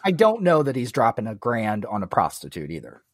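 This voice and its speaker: A man's voice: lowish voice, wildly swooping pitch, brisk, no room sound, studio quality. A man co-hosting a movie podcast, tossing in wry, joking asides in casual chat. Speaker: podcast co-host.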